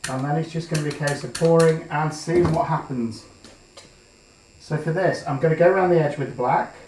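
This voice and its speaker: A man working through a resin pour, chatting casually with frequent ums and thinking aloud, in a plain even voice he calls monotone. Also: fairly high pitch, brisk, a little hiss or hum. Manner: chatty, hesitant with frequent ums, changes his mind aloud. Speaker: resin artist demonstrating a pour. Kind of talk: casual tutorial talk while working. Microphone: built-in camera mic, his usual mic out of action. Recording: echoey room, voice picked up from a distance.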